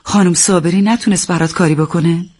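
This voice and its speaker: Brief: woman voicing a firm, level-headed friend, slightly breathy, talking someone down calmly. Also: fairly low pitch. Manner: level, reasoning, steadying. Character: calm, firm female friend giving advice.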